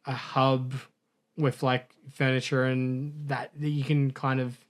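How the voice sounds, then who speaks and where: With little pitch movement and a slightly slow pace, this mid-range male voice belongs to a gaming podcast co-host. He wanders casually through an anecdote, fixing his own slips and chuckling at his mishaps.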